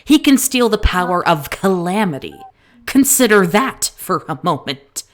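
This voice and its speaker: Brief: woman as a goddess hosting questions, a bit high, very lively, theatrical. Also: normal speed. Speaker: in-character Q&A host. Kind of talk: in-character fan voice acting Q&A.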